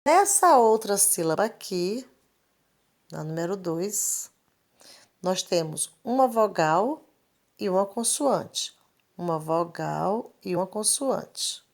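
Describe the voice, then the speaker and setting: Woman teacher, unhurried screen-recorded lesson, repeats each point patiently, mid-pitched voice. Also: expressive. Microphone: screen recording, device mic.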